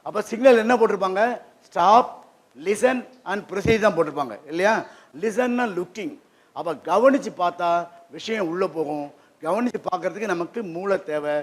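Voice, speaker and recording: A man giving an interactive lesson to children in a library hall, keeping them engaged with quick questions. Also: high-pitched. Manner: lively, keeps quizzing the audience with quick questions. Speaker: guest presenter at a children's program.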